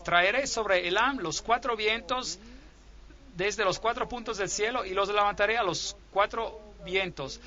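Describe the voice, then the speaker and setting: High bright-voiced man lecturing on prophecy. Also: dull audio. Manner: steady explanatory delivery, reading Bible verses aloud. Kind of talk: sermon lecture.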